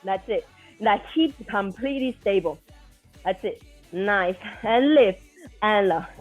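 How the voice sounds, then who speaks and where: A mid-range, animated female voice guides a floor workout class at a measured pace, calling counts and commands as an aerobics instructor. The tone is encouraging and motivating, and the dull lo-fi recording has music behind it.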